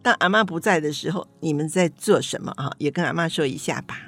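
A woman's voice: low voice, fast, fairly bright tone, husky, soft background music. An older woman with a Taiwanese accent, an author chatting folksily about her grandchildren and acting out family dialogue. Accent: Taiwanese Mandarin. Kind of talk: storytelling talk.

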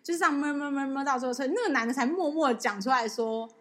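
Animated high-voiced young woman storytelling. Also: fast. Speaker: podcast co-host. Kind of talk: casual chat.

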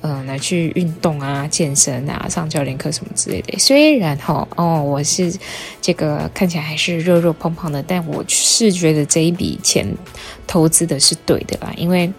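A young Taiwanese woman with a slightly low voice talks casually as a host, wearing a dental retainer that makes her words a touch wet. She rambles, pauses and corrects herself as she goes. Music plays behind her. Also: gravelly. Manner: rambling, halting, self-correcting with giggles. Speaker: podcast host. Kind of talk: casual chatty monologue.

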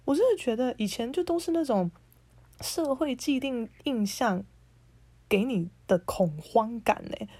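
A woman hosts a podcast monologue and rants in a blunt, sarcastic, indignant way. Her voice is fairly high and husky, and her pitch swoops widely. The sound is close and dry. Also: animated, unhurried, dark tone, no echo. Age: 30s. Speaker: podcast host. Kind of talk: casual monologue.

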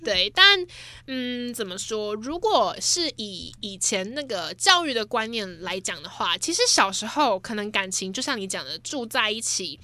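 A woman co-hosting a casual radio chat, talkative and quick to laugh. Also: mid-range voice, very animated, pushed and bright, no room sound. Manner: chatty, laughs often, frequent fillers. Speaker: radio host.

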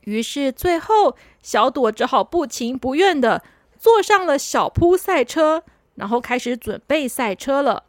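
A woman narrating a children's story in an animated, expressive way. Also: high voice, measured pace, no room sound, clean studio sound.

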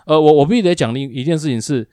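A man, co-hosting a talk show and telling a workplace story in a lively, animated way, acting out both sides of an argument. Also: a little high, racing, no echo, clean studio sound. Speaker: co-host of a speaking-skills livestream. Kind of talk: casual storytelling chat.

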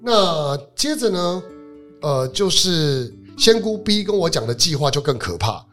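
A man, a lawyer guest telling a personal story in an interview, animated and swinging between loud and hushed. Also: fairly high pitch, measured pace, faint music behind.

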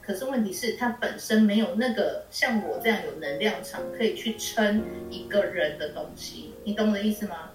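A woman's voice: mid-range voice, fairly quick, few pauses. A woman host and spiritual teacher, chatting bluntly and jokingly while telling stories. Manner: blunt, joking, animated storytelling. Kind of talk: casual chat. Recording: roomy echo, distant mic, music under.

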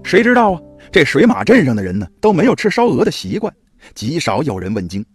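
A man telling a folk tale in an animated, expressive way, close to the mic. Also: a little high, a little fast, soft background music. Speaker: storyteller.

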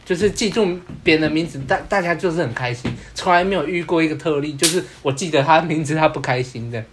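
A man's voice: a little high, fast talker, noisy background. A man co-hosting a podcast in casual chat, rambling and often repeating himself. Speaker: podcast co-host.

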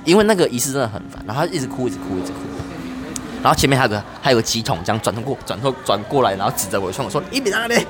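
A young man hosts a casual podcast chat. He talks quickly, and his pitch jumps around as he tells stories. The result is lively and animated. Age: 20s. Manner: animated, fast storytelling with laughs. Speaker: podcast host.

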